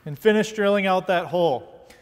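A man's voice: sits high, moderate pace, long reverb tail. A man in his thirties giving scripted, methodical step-by-step installation instructions in a workshop studio. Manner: steady, methodical step-by-step explaining. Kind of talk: scripted how-to narration. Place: large indoor workshop studio.

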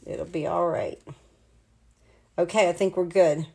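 A woman's voice: lowish voice, steady tone, a little slow, gravelly, dark tone. A woman in her sixties from the United States, chatting and explaining each step as she demonstrates card making at her craft table. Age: 60s. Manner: chatty, rambling, talks through each step. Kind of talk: live card-making demo. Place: home craft table, indoors.

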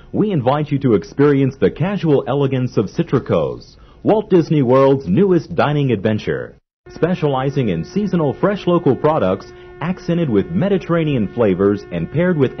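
A man giving polite, measured onboard train announcements in a formal manner. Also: mid-range voice, husky. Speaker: transit announcer. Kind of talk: recorded monorail announcements. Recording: dull lo-fi old recording.

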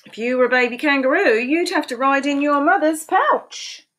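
In a voice that sits high and sounds a bit bright, a woman in her sixties reads a picture book to young children at normal speed. Her delivery is sing-song and she poses questions to them. She's indoors in a small room at home, picked up by a webcam on her desk.

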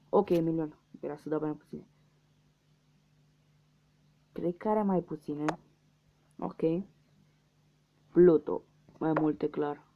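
A man's voice: on the high side, creaky. A young man from Romania giving casual let's-play commentary, muttering guesses and swearing at losses. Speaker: gaming youtuber. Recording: dull lo-fi mic with faint hiss.

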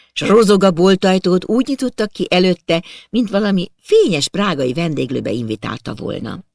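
A man reading a novel aloud as an audiobook narrator, in steady storytelling narration. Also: on the high side, gravelly, no echo, studio quality. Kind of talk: scripted literary narration.

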